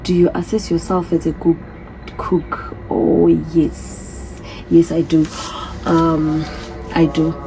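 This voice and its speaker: A vlogger in her thirties, from a different continent, reads get-to-know-me questions aloud and answers them chattily on her phone, often repeating herself. Her voice sits low and level, she goes slowly, and the background is noisy.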